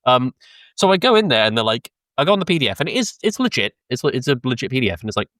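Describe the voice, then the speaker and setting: A young British co-host races through a rambling podcast anecdote at a very fast clip, swearing, laughing and saying um often. His mid-range voice is sing-song and fairly bright. Captured on a close podcast mic, the audio is dry, echo-free and clean.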